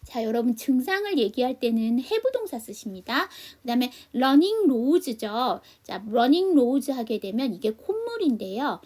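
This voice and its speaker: Lively Korean woman teaching English. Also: high-pitched, a little slow, hardly any pauses. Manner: explains step by step, asks the class questions and answers them herself. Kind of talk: online English lesson.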